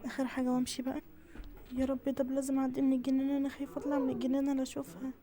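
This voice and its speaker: A sheltered teenage girl with an Egyptian lilt, voiced by a woman rushes her words along in a game role-play. Her tone is mellow and a little dark, and she keeps talking herself through what to do. She is insistent and stubborn with her mother. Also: high voice, completely flat delivery, lightly acted. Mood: frightened. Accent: Egyptian Arabic. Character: teen girl kept indoors, eager, then frightened.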